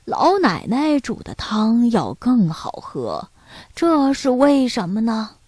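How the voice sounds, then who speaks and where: A woman voicing a lonely, generous old grandfather who speaks gently and cheerfully in a children's story. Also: a little high, sing-song, slow pace, husky, dry recording, full character voice. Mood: gentle.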